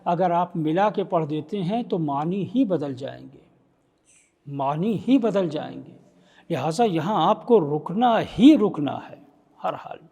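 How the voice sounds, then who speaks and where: A man with an Indian Urdu accent, a maulana teaching Quran recitation rules. He explains, quizzes the listeners and breaks into slow melodic chanting. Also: a little high, lively intonation, vocal fry, dark tone, husky. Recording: long reverb in a hall.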